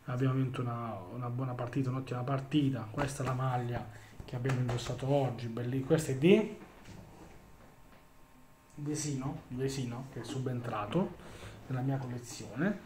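A man giving a casual post-match football vlog, talking haltingly with many restarts and repeated words. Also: mid-range voice, fairly even intonation, warm tone, slight background noise. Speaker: football fan vlogger.

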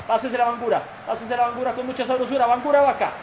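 Very high-voiced excitable Colombian man. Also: racing, background noise. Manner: excitable, shouts and groans at the game. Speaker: gaming YouTuber. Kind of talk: excited live gameplay commentary.

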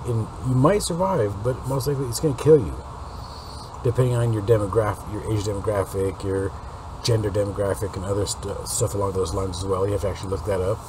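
Male vlogger, late 40s, lowish smoker's rasp, casual and rambling, clearly noisy webcam sound. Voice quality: raspy smoker's voice. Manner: rambling, informal. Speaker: video host. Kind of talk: casual news update to viewers. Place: unfinished basement room. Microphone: webcam or laptop mic at desk distance. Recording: noisy webcam recording with background hum.

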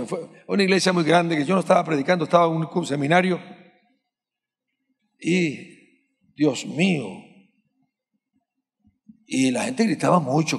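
A man preaching a sermon as pastor, questioning the congregation and rising to shouts at the peaks. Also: fairly high pitch, vocal fry. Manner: rises to shouting at climaxes. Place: large church sanctuary. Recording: long hall reverb from a church.

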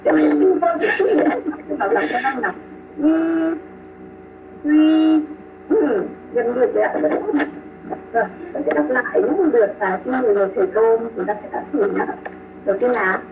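A woman teaching pronunciation online over a video call. She models sounds slowly, repeats them and praises her students. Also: a little high, recorded from a distance, background noise. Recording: tinny call audio with music behind.

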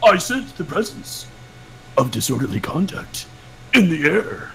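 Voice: medium pitch, very animated, measured pace, creaky, a bit bright, exaggerated voice. Someone playing a goofy overeager rookie. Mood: earnest. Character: eager, naive young man rookie bounty hunter. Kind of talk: amateur comic read-through.

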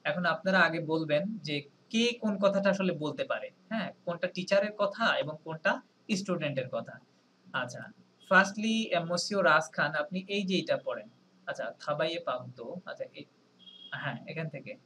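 A man teaching a French lesson on a video call, explaining slowly, spelling words letter by letter and often checking in with his students. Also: on the high side, expressive, pushed and bright, a little hiss or hum, poor audio. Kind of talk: online language lesson.

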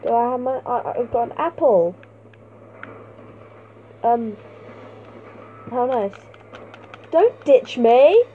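A young woman giving playful, excitable let's play commentary and talking back at the game as she plays. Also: on the high side, slow, pauses often, a little hiss or hum. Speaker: gaming channel host. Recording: tinny phone-like mic sound.

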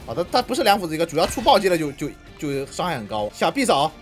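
A woman narrates her own gameplay at full tilt. Her voice leaps high on the battle cries and sinks low when she mutters, so the pitch moves a lot. Faint game music plays underneath. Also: racing. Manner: excitable, shouts battle cries, laughs at herself. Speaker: gameplay streamer. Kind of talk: live game commentary.

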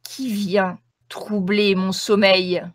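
A woman's voice: mid-range voice, little pitch movement, drawn-out words, no echo, studio quality. A woman voicing the ghost of a noble old wizard, grave, sepulchral and formal, in a tabletop game. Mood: menacing, solemn.

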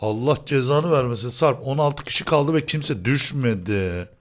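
A young man hosting a game stream, joking, laughing and shouting excitedly at the action. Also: medium pitch, normal speed. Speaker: host. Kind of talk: excited gaming commentary.

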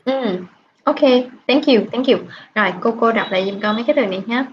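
A woman's voice: a little high, a little fast, muffled recording, a little hiss or hum. Vietnamese woman teacher coaching pronunciation. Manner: switches between English and Vietnamese, drills pronunciation. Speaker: English teacher. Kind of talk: correcting a student's speaking practice.

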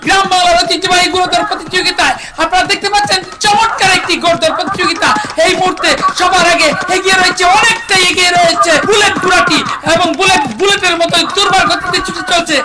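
A man with a Bangladeshi accent calling a horse race as a commentator, in an excited, shouting delivery. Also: very high voice, reverberant. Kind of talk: live race caller commentary.

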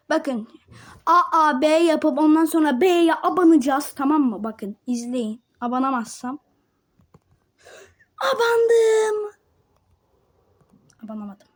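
A woman giving gameplay commentary to her viewers, switching between muttered asides and frustrated outbursts. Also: high-pitched. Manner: talks straight to viewers as friends. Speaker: gamer.

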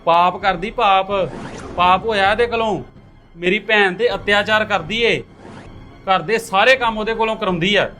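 A man's voice: sits high, moderate pace, sharp tone, soft background music. A man playing an angry young husband who accuses his wife in a family drama, repeating her words back in outrage.

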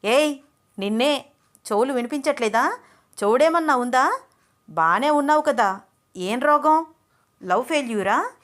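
A woman voicing a brash, short-tempered young man who talks loudly and bluntly in a told story. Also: on the high side, moderate pace, close to an everyday voice. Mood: angry shouting. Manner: loud, scolding, blunt.

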